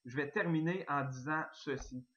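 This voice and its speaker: A man with a Québécois French accent giving an eager, excitable sales pitch on a recorded online call, full of fillers and restarts. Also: moderate pace, muffled recording. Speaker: network marketing presenter.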